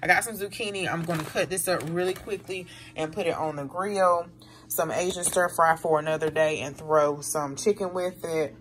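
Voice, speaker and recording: A chatty, rambling middle-aged woman, calling her viewers "y'all" as she goes. Her voice sits very low. She films on a handheld phone in a home kitchen, with faint household noise behind her. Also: fairly even intonation, moderate pace. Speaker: vlogger showing a grocery haul. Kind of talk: casual chat to viewers.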